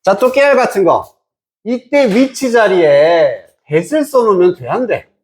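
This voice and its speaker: A man teaching an English reading lesson, asking and answering his own questions and drawing out English words slowly. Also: high voice, very animated. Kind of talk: lecture.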